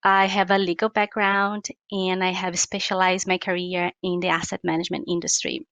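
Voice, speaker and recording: A woman from Brazil introducing herself on a panel in an earnest, measured way over a video call. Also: fairly low pitch, level tone, a bit bright, no echo. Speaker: panelist, ESG researcher.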